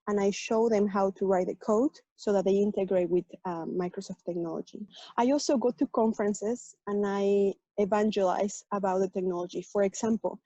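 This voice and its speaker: Speaking in a mellow, mid-range voice with a Mexican Spanish accent, a native Spanish speaker from Mexico introduces herself and her work as a program manager on a tech panel. She's earnest and explanatory, dropping in "um" pauses. The audio is dry and dull.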